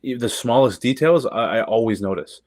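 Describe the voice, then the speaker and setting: A man's voice: mid-range voice, expressive, normal speed, a little mellow, no room sound, studio quality. A young man, a comedian from Canada, chatting casually on a podcast, swearing freely and restarting his sentences often. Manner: loose, profane, lots of fillers and restarts. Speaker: comedian guest.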